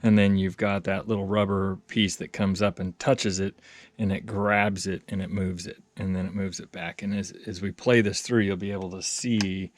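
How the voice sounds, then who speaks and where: Casual and folksy, a low-pitched male audio repair vlogger rambles as he thinks aloud during hands-on repair work, much like a hobbyist video host.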